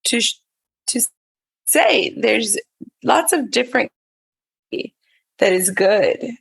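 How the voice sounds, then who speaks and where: A woman co-hosting a podcast over a video call whose audio breaks up and freezes, speaking haltingly with restarts. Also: on the high side, animated, vocal fry, breathy edge. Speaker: podcast co-host. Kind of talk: casual conversation.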